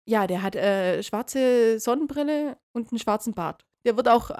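A woman with a fairly high voice chats through a podcast recap. She talks in a lively way, fills her pauses with little hesitation sounds and laughs easily. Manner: lively, laughs often, halting fillers. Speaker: podcast co-host. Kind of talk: casual chat recapping a radio play episode.

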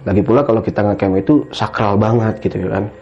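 Fast and fairly low-pitched, with a darkish tone and rather even intonation, a male guest rambles through a story in casual talk. He repeatedly ends lines with "gitu ya kan" and addresses the listener as "Bang"; the sound is dull and lo-fi.

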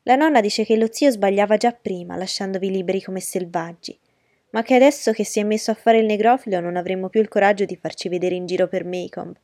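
A woman's voice: mid-range voice, a little fast, a little mellow, dry recording, studio quality, natural voice. A woman voicing a spiteful boy cousin who taunts and whines, in a storybook reading. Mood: taunting. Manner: jeering, whining.

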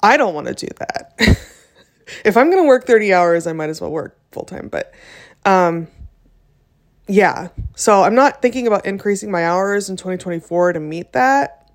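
A woman's voice: medium pitch, expressive, moderate pace. A young adult woman hosting a casual solo podcast, chatty and loose, full of ums and likes, with little self-deprecating laughs. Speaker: podcast host.

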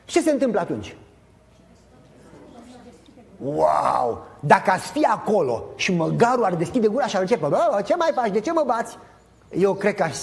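Un pastor de vârstă mijlocie care predică animat, cu întrebări retorice către adunare și replici jucate. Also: male voice, high voice. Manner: animated, emphatic preaching with acted-out dialogue; addresses congregation directly with rhetorical questions. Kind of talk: sermon.

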